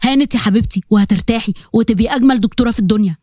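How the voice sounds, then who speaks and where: A woman voicing a gentle, reassuring young man with an Egyptian accent. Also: fairly high pitch, rapid-fire, no echo, clean studio sound, pitched below the performer's own voice, close to an everyday voice. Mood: tender. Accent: Egyptian Arabic. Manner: soothing, reassuring.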